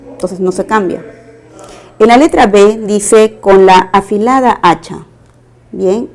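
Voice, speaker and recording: A woman's voice: mid-range voice, a little mellow. A woman teaching a recorded grammar lesson, going through exam questions one by one and explaining each choice step by step. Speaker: language teacher.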